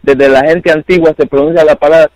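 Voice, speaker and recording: A man's voice: on the high side, steady tone, brisk, darkish tone, no echo, rough recording. A male musician being interviewed, explaining things hesitantly with stammered restarts. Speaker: musician guest. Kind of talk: interview talk.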